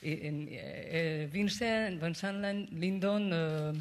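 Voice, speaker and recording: A woman journalist with a Spanish accent in French, her native language Spanish, asking a press conference question in halting, non-native phrasing. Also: lowish voice.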